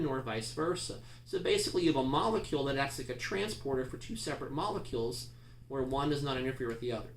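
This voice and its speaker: A man's voice: on the high side, fairly bright tone, a little hiss or hum. Man lecturing in an echoey room. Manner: conversational, emphatic, asks the class questions. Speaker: teacher. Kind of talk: classroom lecture.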